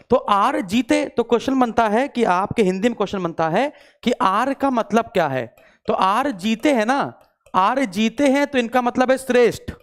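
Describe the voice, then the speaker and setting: A man's voice: high voice, clean tone. A male teacher giving an online exam-prep lecture, repeating each point and asking his students questions, mixing English words into his speech. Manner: repetitive call-and-response questioning.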